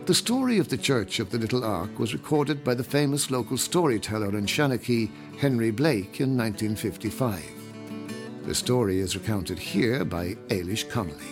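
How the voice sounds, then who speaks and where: A man's voice: medium pitch, animated, normal speed. Man narrating a scripted audio guide over music.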